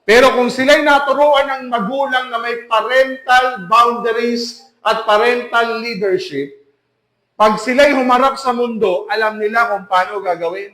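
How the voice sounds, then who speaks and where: A man's voice: extremely high pitch, measured pace, pushed and bright, roomy sound. A man preaching an emphatic sermon as pastor, full of rhetorical questions to the congregation. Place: church hall.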